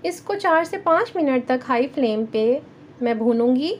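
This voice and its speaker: A woman with a Pakistani Urdu accent hosting a cooking channel, giving calm step-by-step recipe instructions in a voice-over. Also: high voice, normal speed, slight background noise. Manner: calm, instructive, addresses viewers directly.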